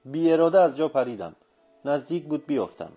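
A man reads literary prose aloud in a calm, even, measured narration. His voice sits at a middle pitch for a man. Soft music runs faintly in the background. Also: breathy edge. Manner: steady, measured reading. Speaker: audiobook narrator.

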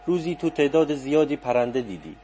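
A man's voice: fairly high pitch, animated, dark tone, slight background noise, pitched above the performer's own voice, natural voice. A man voicing a cryptic old teacher. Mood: insistent. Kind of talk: audiobook dialogue. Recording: faint background music.

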